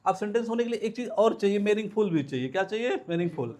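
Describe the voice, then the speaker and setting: High-voiced man teaching a class. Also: animated, fast, darkish tone. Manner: asks and answers his own questions, repeats key words; calls students "beta". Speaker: English teacher. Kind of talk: classroom lecture.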